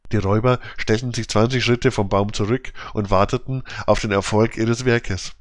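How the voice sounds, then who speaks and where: A man's voice: on the low side, no room sound, studio quality. Man reading a storybook aloud. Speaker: audiobook narrator. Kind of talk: scripted storybook narration.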